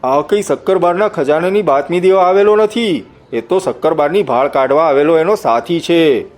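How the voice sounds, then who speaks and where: A bitter, treacherous village tracker, put on by a male storyteller spits out his accusations in a raised, stinging voice. Soft music runs quietly behind this audiobook scene. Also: fairly high pitch, moderate pace, close to an everyday voice. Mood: bitter, vengeful.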